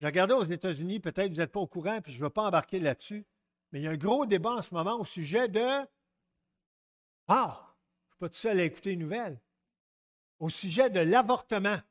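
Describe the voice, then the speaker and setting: Preaching with a Québécois French accent, this middle-aged man speaks high and brisk, pausing often. His sermon is animated and humorous, with frequent digressions into anecdotes and quotes he performs aloud.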